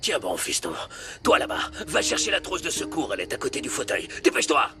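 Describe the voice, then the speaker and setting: A man's voice: a little high, wildly swooping pitch, fairly quick, vocal fry, sharp tone, soft background music, full character voice. An actor in a dubbed telenovela playing a grief-stricken father who pleads, crying, with his dying son. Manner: pleading, broken, urgent.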